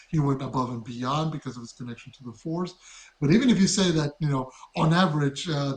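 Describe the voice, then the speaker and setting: A man with a fairly high voice talks things through as a podcast co-host. He sounds reflective and measured, and his voice rings around an echoey room. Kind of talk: casual chat.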